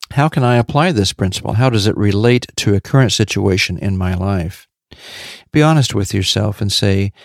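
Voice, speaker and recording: A podcast Bible teacher, this fairly low-voiced man gives a steady, measured devotional, going back over his main points to stress them. He's recorded close and dry, with no sense of the room and no echo.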